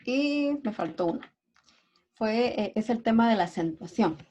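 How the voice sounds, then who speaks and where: A woman's voice: fairly high pitch, animated, moderate pace, mellow, highs cut off. A woman teacher giving a review lesson, hesitant, full of fillers and tag questions.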